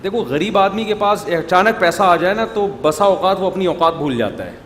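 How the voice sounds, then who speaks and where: A middle-aged male preacher, talking in a conversational, scolding way full of rhetorical questions. His voice sits a little high for a man. The recording carries a long hall reverb and a faint murmur of room noise. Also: lively intonation, fairly bright tone. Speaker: religious scholar, preacher. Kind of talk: informal religious talk to an audience.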